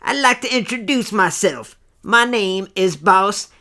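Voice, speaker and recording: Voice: medium pitch, a little slow, sharp tone. A performer voicing a smug, flirtatious lothario in a comedic toy skit, with a suave drawl. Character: Boss Daddy, a smug flirtatious lothario character.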